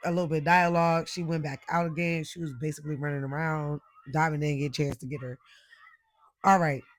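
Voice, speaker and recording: A man's voice: on the high side, a bit bright, no echo, clean studio sound. A man hosting a casual reality show recap, commenting in slang and putting questions to viewers. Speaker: recap host.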